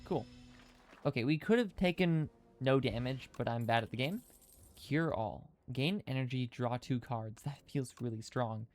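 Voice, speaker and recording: A man's voice: medium pitch, a little slow, a little mellow, soft background music. A man live-streaming a video game, thinking aloud through his moves and chatting with viewers, with his speech a little hindered by dental retainers. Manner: thinking aloud, chatty, reads chat comments. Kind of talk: casual live-stream commentary.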